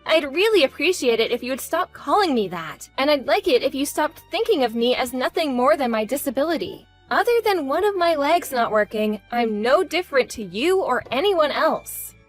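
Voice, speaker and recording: Woman acting a high-voiced, meek daughter-in-law. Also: sing-song, normal speed, few pauses, faint music behind. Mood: pleading. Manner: apologetic, placating. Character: meek, polite, eager-to-please daughter-in-law. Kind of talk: scripted audio drama acting.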